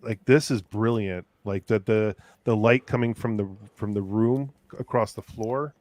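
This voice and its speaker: A man hosting a casual show, talking in halting bursts with many repeated words. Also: fairly low pitch, steady tone, a little mellow, no room sound. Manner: halting, repeats words, greets viewers by name. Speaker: podcast host. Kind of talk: casual chat.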